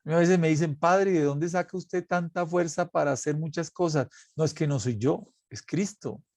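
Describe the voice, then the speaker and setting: A man's voice: fairly high pitch, normal speed, darkish tone, no room sound, clean studio sound. A man who is a priest, giving a sermon and telling anecdotes, acting out the exchanges he quotes. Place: parish recording.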